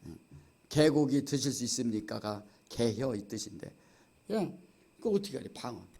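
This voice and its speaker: A man's voice: medium pitch, big pitch swings, moderate pace, dark tone, husky. A middle-aged male pastor from Chungcheong, with a Chungcheong accent, preaching an emphatic sermon and often prodding the congregation. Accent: Chungcheong Korean. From Chungcheong, Korea. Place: church sanctuary.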